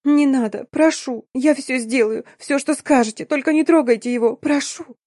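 A woman narrating an audiobook voices a terrified young woman who cries and pleads in a high, desperate voice. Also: normal speed, darkish tone, no echo, studio quality. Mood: pleading. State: sobbing.

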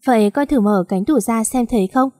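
A woman's voice: a little high, fairly quick, no room sound, studio quality, natural voice. A woman voicing a kindly middle-aged mother. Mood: gentle. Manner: gentle, homely requests.

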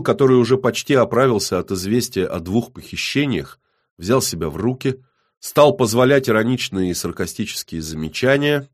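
A man narrating an audiobook in a measured, even reading. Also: on the low side. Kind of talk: scripted narration.

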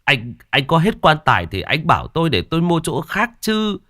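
A man's voice: lowish voice, big pitch swings, normal speed, fairly bright tone. A man scolding as an indignant old villager. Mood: angry.

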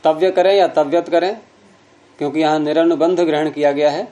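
Man patiently explaining grammar, mellow tone. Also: fairly high pitch, steady tone, a little fast. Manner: patient, step-by-step explaining, repeats key terms. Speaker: Sanskrit grammar teacher. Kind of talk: explaining grammar rules with examples.

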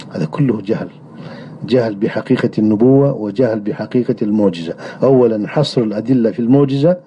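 A man with a very dark, mellow voice gives a measured religious lecture, stopping often on long hesitation sounds. The recording is dull and lo-fi, with faint noise underneath. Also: mid-range voice. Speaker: religious teacher. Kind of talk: lecture on creed.

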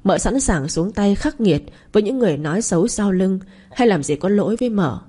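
A woman narrating an audio story in a steady, dramatic storytelling manner. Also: medium pitch, brisk, husky.

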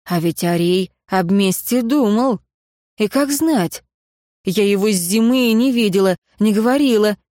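Женщина читает сказочную повесть. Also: female voice, medium pitch, a little slow, warm tone, no room sound, clean studio sound. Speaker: audiobook reader. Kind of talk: audiobook narration in folksy archaic speech.

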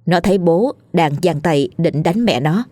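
A woman, narrating a scripted ghost story in a steady reading voice. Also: lowish voice, a little slow, no echo.

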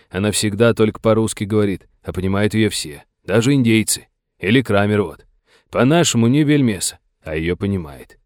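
A man voicing a gruff older Russian settler with a folksy, blunt, scolding manner. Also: on the low side, no room sound, studio quality, close to an everyday voice.

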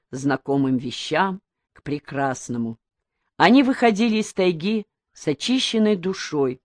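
A woman narrating an audiobook in a calm, expressive reading voice. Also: sits low, dry recording, studio quality. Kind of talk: scripted narration.

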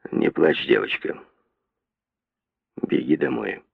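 A cold, menacing father, as a male narrator puts him on, speaks slowly and low. His voice is gravelly and husky, and the sound is dry and tinny like a phone. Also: sing-song, heavily acted. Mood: curt. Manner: slow, low, quietly menacing. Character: stern cold middle-aged father, menacing.

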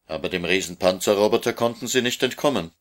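A man reads a children's storybook aloud in a low voice. His pace is measured and his narration is plain. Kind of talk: storybook reading.

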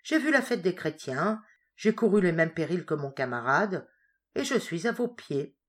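A woman voicing a frail young boy who excitedly boasts of his deeds in a storybook reading. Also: fairly low pitch, moderate pace. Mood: boastful.

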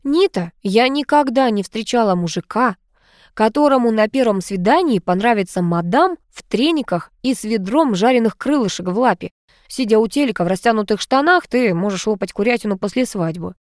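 Bossy blunt woman read by a female narrator, high lively delivery, dry close mic. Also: a little fast, no echo, natural voice. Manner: blunt, demanding.

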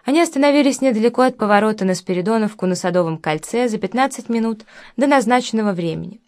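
Calm woman narrating an audiobook. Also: a little high, quick pace.

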